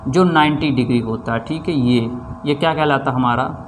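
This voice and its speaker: A man's voice: medium pitch, moderate pace, slight background noise. A man teaching maths with a north Indian Hindi accent. He keeps asking rhetorical questions, answers them himself and checks in with frequent "theek hai". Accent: Hindi-speaking north Indian. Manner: often adds a checking 'theek hai'. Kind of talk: classroom lesson.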